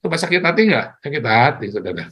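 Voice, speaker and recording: A middle-aged man from Tegal, Central Java, Indonesia, speaks with a Tegal accent, his voice on the high side and fast. He gives a lively, animated motivational talk online, addressing his listeners directly, acting out the voices he quotes, and chuckling often.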